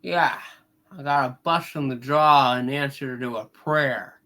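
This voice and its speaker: A man's voice: mid-range voice, measured pace, sharp tone. A man playing a troubled, skeptical everyman in a hammed-up radio play reading, hesitant and folksy with stammered starts. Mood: wary, incredulous. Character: troubled, skeptical, despairing everyman in old film.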